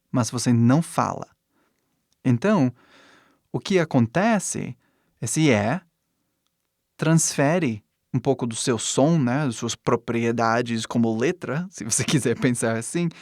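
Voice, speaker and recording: A man's voice: mid-range voice, no room sound, studio quality. Man teaching in portuguese. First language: English. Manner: explanatory, frequent "né?" and "tá?" tags. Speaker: English teacher. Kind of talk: video language lesson.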